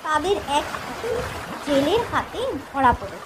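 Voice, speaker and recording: High, lively storybook narrator woman. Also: measured pace, background noise. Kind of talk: scripted storybook narration for children.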